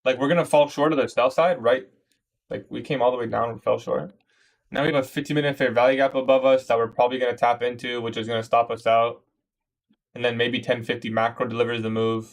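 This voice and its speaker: Young dude hosting a trading stream, chill, calls everyone bro, mid-pitched voice. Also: male voice, flat delivery, quick pace, vocal fry. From Iraq. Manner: casual, slangy, calls viewers bro. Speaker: livestream host, day trader. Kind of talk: live trading commentary, reading chat.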